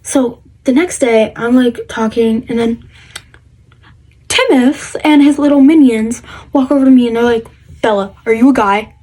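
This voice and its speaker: A woman's voice: fairly high pitch, measured pace, warm tone, poor audio. A teenage girl telling a personal story to camera in a rambling casual way, full of fillers and restarts. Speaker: vlogger.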